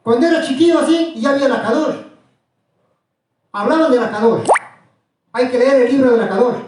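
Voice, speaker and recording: High-voiced preacher in an echoey room. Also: male voice, brisk, far from the mic, noisy background. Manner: questioning, repetitive, insistent. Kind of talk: religious teaching to a small group.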